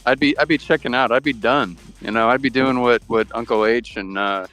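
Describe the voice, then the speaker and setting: A man on a casual voice call, talking in a dry, deadpan way. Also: medium pitch, brisk, faint music behind.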